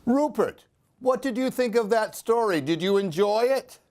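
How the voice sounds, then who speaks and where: With a high-pitched, expressive voice and a darkish tone, this man reads Halloween picture books at a moderate pace. As host of a children's story time, he performs them theatrically and tosses in questions and asides for the kids.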